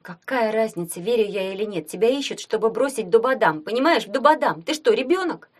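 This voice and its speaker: A woman's voice: on the high side, expressive, slow pace, voice pushed up. A woman voicing a fiery, stubborn young sorceress who speaks in a raised, pressing way. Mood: heated.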